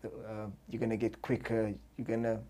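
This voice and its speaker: A man's voice: lowish voice, completely flat delivery, normal speed, warm tone. A man with a South African accent hosting a casual interview, colloquial, dropping in short questions and echoes. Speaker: podcast host.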